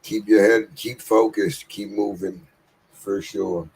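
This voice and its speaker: A man's voice: fairly low pitch, fairly even intonation, slow, a little mellow, breathy edge, low-quality recording. A man in his late forties hosting a casual interview, laid-back and encouraging, with frequent swearing. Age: 40s. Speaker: podcast host interviewing. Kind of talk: casual chat.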